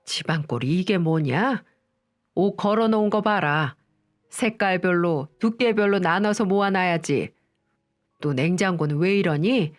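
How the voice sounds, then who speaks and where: A woman's voice: on the low side, a little slow, lightly acted. A woman voicing a harsh, bossy middle-aged mother-in-law who scolds with contempt, in a storybook radio reading. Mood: scolding.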